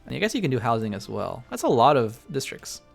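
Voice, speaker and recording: A man's voice: mid-range voice, sing-song, quick pace, gravelly, faint music behind. Rambling male game streamer. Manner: rambling, full of fillers. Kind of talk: casual live-stream chat.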